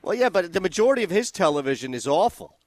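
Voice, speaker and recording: A man's voice: high-pitched, big pitch swings, quick pace. A man hosting sports radio with casual banter.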